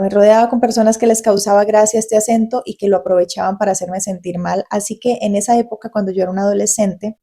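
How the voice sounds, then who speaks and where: A Colombian woman in her forties talks straight to her viewers in a relaxed, quick flow, like a tutor sharing her experience. Her voice sits at a middling pitch and sounds warm and mellow rather than bright. She keeps an easy, conversational manner throughout. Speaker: Spanish tutor and channel host. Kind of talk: casual talk to camera.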